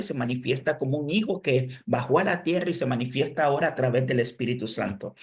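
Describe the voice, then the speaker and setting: A man giving an online religion lesson, explaining step by step, pausing to correct himself and checking in with his listeners. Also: medium pitch. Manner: self-correcting, pauses to fix slips. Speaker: religion teacher. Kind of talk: online class lecture.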